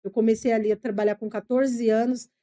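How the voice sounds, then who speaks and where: A middle-aged psychologist with a São Paulo Brazilian Portuguese accent guests on a podcast, telling personal stories. Her warm, slightly high voice moves briskly with little pitch movement, and her manner is earnest and reflective as she patiently explains things.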